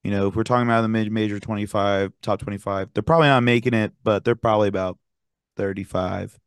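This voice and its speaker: A young man in college co-hosting a sports podcast, telling animated fan stories in casual chat. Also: fairly low pitch, quick pace, clear, resonant tone, no room sound, studio quality. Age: young adult. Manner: animated storytelling, rowdy student fan. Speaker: podcast co-host.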